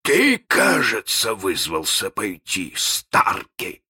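A man voicing a menacing pirate captain with an iron hook, by turns shouting and coaxing in a strained high voice. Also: big pitch swings, slow, exaggerated voice. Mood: sly menace.

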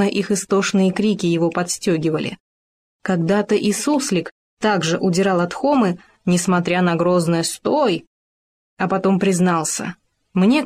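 A woman narrating a children's animal story in a lively, expressive way. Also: mid-range voice. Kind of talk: storybook reading.

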